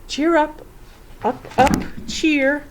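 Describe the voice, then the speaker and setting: A woman voicing a fussy, flustered old male professor in a storybook reading, with excitable old-fashioned exclamations. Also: mid-range voice, moderate pace, very noisy, natural voice. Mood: rousing.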